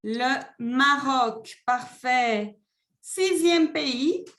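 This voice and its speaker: A woman teaching a French class, leading slow, deliberate pronunciation drills. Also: high-pitched, a bit bright. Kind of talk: classroom instruction.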